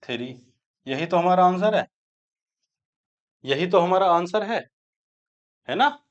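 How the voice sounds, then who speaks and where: High-voiced man teaching maths. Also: animated, takes it slowly. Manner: asks students questions and answers them himself; repeats key steps aloud while writing. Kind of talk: exam-prep maths lecture. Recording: dull lo-fi sound.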